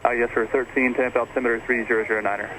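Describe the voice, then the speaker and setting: A man working as an air traffic controller, heard over a radio transmission, giving quick, clipped routine instructions in radio phraseology. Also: mid-range voice, little pitch movement. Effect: radio transmission from the control tower.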